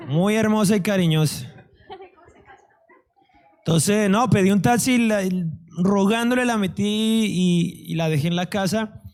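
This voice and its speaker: A man giving a church testimony, telling his story in a lively way and acting out what people said. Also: high-pitched, unhurried. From Colombia. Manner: animated storyteller, acts out dialogue. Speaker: testimony speaker.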